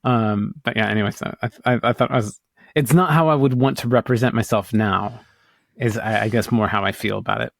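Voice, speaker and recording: A man's voice: fairly low pitch, steady tone, a little fast, vocal fry, dry recording, clean studio sound. A man from the United States co-hosting a podcast, talking in a casual, hesitant, rambling way with many restarts. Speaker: podcast co-host. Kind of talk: casual chat.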